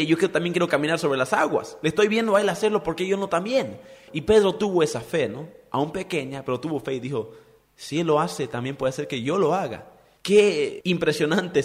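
Preaching man with hall reverb. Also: a little high. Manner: dramatic preaching, rhetorical questions, acts out quotes. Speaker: pastor. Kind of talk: sermon.

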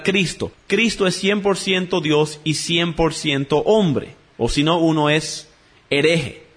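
A man preaching a sermon in an earnest teaching tone, calling his listeners brothers. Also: fairly high pitch. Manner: acts out dialogue in a joke with lively voices.

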